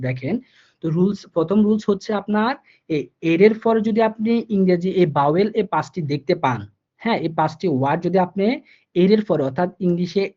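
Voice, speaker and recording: A man with a slightly higher voice teaches an online language class. He explains each rule step by step, circling back often with fillers. The recording sounds a little dull and lo-fi. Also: mellow. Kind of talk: live online class lesson.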